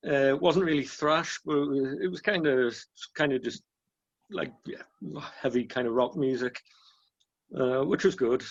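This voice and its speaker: A man's voice: medium pitch, measured pace, dry recording. Male band member; modest, repetitive way of talking; dry, muffled recording. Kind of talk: casual interview chat.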